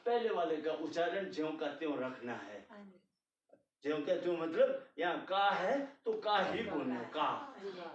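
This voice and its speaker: Male teacher, high voice, patient and repetitive, far from the mic in a very echoey room. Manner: patient, repeats "ठीक है" often, checks understanding. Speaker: language teacher. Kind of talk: classroom teaching. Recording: echoey room, distant mic, dull sound.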